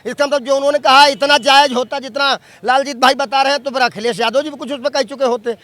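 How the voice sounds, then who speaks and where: A man's voice: very high-pitched, fairly even intonation, fast talker, a bit bright, no room sound. A man, anchoring a political debate and pressing the same question again and again.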